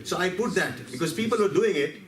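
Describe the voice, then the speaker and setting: A man's voice: high-pitched, expressive, quick pace. Man, seminar speaker, storytelling, asks the audience questions, roomy hall. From India. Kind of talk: live talk to an audience. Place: meeting hall. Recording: roomy hall from a distance, faint ambience.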